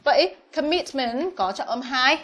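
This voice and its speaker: A woman's voice: sits high, animated, unhurried, fairly bright tone, soft background music. A young adult woman teaching English exam answers, speaking Vietnamese and English words with a Vietnamese accent, patient and often checking in with her students. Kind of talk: exam answer walkthrough lesson.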